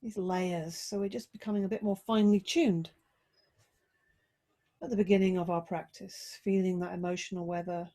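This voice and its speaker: With pauses between phrases, a woman leads a yoga relaxation and body check-in, her instructions unhurried and softly coaxing. She has a lowish voice and fairly even intonation.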